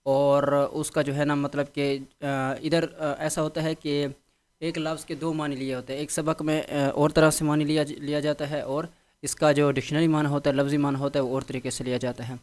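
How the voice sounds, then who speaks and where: A man teaching a vocabulary lesson, explaining patiently and checking in often with his students. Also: a little high. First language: Urdu. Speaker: English teacher.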